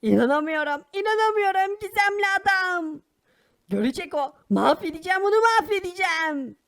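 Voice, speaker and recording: A woman voicing a bold, hot-tempered poor young boy hero in a cartoon, bossy and quick to scold. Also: extremely high pitch, big pitch swings, fairly bright tone, exaggerated voice. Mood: indignant. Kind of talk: animated cartoon voice acting.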